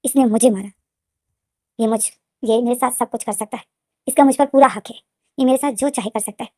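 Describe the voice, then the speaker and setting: A possessive young man with bodyguards, calm and commanding, voiced by a woman telling a fan story. He talks fast, in a mellow, slightly high voice. The sound is close and dry, with no room around it. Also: dry recording, close to an everyday voice.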